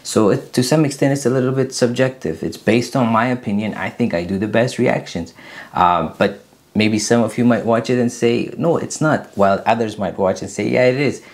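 A man in his thirties from Afghanistan, hosting his own channel and answering viewer questions in a casual, earnest way with many pauses. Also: medium pitch. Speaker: YouTube channel host. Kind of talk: casual Q&A to camera. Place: small room indoors. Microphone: camera at desk distance, seated.

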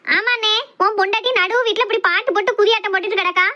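A woman with a Kanyakumari Tamil accent playing a loud, dramatic sister-in-law who keeps accusing her family in a comedy skit. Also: very high voice, racing, highs cut off.

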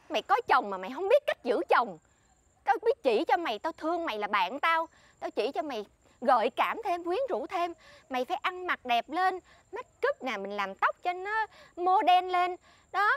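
An actress with a Southern Vietnamese accent playing a bossy, boastful friend who scolds and lectures in a comedy sketch. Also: female voice, high-pitched, very animated, normal speed, no echo. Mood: lecturing.

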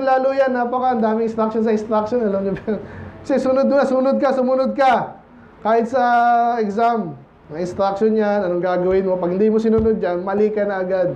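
A man's voice: sits high, dark tone, lo-fi sound, slight background noise. A man preaching a Sunday sermon, casual and conversational, often asking the congregation "Amen?" and mixing in English phrases. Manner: mixes English phrases into Tagalog. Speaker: pastor. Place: church.

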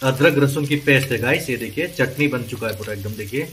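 A man's voice: medium pitch, fast talker, a bit bright, slight background noise, rough recording. A man with an Assamese accent presenting a casual cooking vlog at home, talking eagerly about the smells and flavours as he cooks. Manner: enthusiastic, exclaims over the smells and flavours. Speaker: cooking vlogger. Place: home kitchen. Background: food sizzling and frying.

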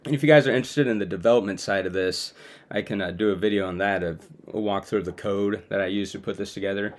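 A young adult man with a fairly low pitch talks fast as he gives viewers a casual, conversational screen-share demo of his own web app. He's a video creator recording indoors in a small room at home, keeping things informal.

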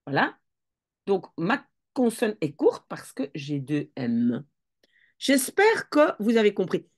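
A woman's voice: medium pitch, huge pitch swings, takes it slowly. A woman teaching Dutch spelling rules, explaining step by step and often correcting herself as she thinks aloud. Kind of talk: casual explanatory lesson.

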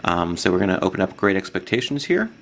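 A man giving a relaxed, casual product demo of an app, with plenty of fillers. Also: sits low, fast, slight background noise. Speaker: tech blogger demonstrating an app.

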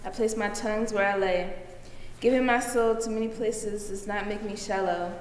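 A woman reading her own poem in a measured recitation. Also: mid-range voice, steady tone, slight background noise. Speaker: student poet. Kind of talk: poetry reading. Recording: echoey room.

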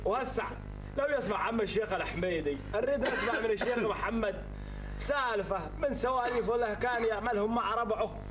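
A man acts a genial Bedouin tribesman in a television drama. His high voice has a Bedouin Arabic accent and sits in a noisy, humming old soundtrack. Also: quick pace, natural voice. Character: genial Bedouin tribesman coaxing companions for tales.

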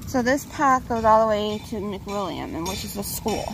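Her mid-range voice is animated and moves at a normal speed as this young woman vlogs on a suburban path. She chats casually while walking, a little out of breath, filming herself with a phone at arm's length, and the background is noisy.

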